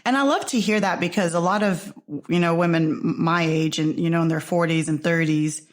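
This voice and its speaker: A woman hosting an interview podcast, introducing guests and encouraging them with warm affirmations. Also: on the low side, a little fast. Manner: friendly, encouraging, many affirmations. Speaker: podcast host. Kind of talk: casual interview chat.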